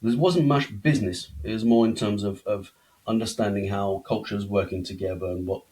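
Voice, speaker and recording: A man's voice: lowish voice, moderate pace, darkish tone. A middle-aged man from Belgium, telling his life story as a guest in a conversational interview, chatty and self-deprecating. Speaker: podcast guest.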